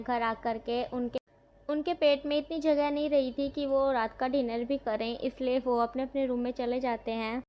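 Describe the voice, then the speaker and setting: A woman's voice: sits high, highs cut off, a little hiss or hum. A woman retelling a fan-fiction love story in a casual way, with fillers and self-corrections.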